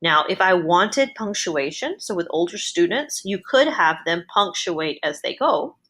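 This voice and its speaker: Female educator, slightly low voice, talking through a screen demonstration. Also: lively intonation, a little slow, fairly bright tone. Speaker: educator giving a software tutorial. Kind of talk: explanatory screencast narration.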